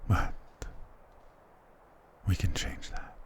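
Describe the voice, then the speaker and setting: A man draws out his words while playing a doting, dominant vampire lord in an intimate ASMR roleplay. His delivery is tender, possessive, and seductive, full of formal endearments, with slight background noise behind it.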